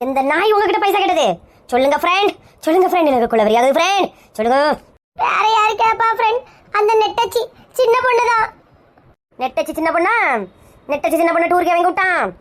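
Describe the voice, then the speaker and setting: A woman's voice: animated, fast. A woman with a Kanyakumari Tamil accent playing a touchy, bald, middle-aged village woman who nags and bickers. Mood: grumbling. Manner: shrill, nagging, bickering.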